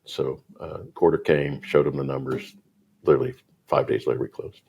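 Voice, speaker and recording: A man's voice: very deep voice, normal speed, creaky, slightly rough, highs cut off. A middle-aged man, a guest entrepreneur, telling his business story in casual conversation and voicing the people in it. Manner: animated, voices the people in his stories.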